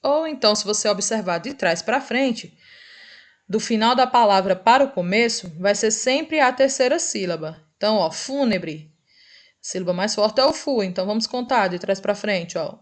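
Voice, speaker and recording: A woman's voice: medium pitch, animated, normal speed. Brazilian woman, teacher, recorded review lesson; patient, checks in with tag questions, drags out example words. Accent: Brazilian Portuguese.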